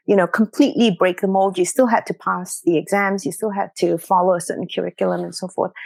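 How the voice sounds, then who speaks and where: Reflective woman with a gravelly edge. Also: mid-range voice, no room sound. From Singapore. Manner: reflective, frequent "you know" and "right?". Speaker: doctor, podcast guest. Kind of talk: conversational interview.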